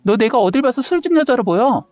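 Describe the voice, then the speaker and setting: A woman's voice: on the high side, big pitch swings, fast talker, darkish tone, dry recording, faint music behind. Story character: brazen mistress, snippy and indignant; a woman reader voices her.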